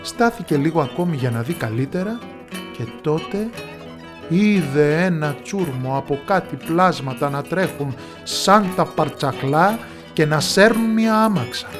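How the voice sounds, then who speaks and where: A man telling a folk tale in lively, expressive scripted narration. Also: a little high, music in the background.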